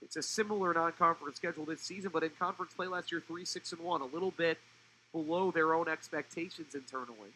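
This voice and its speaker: A young man giving live play-by-play commentary on a college soccer match, fluent and rising in pitch when the play turns attacking. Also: quick pace, bright, forceful tone, slight background noise, rough recording.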